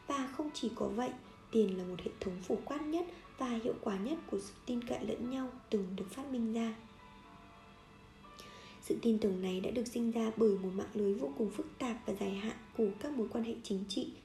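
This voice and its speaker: A woman reading a nonfiction book aloud in a steady, measured way, now and then correcting a slip. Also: a little high, roomy sound, soft background music. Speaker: audiobook reader.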